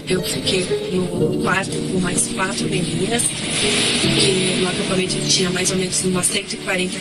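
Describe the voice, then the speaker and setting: Woman giving a testimony over loud music. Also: fairly low pitch. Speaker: camp counselor. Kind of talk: personal testimony narration.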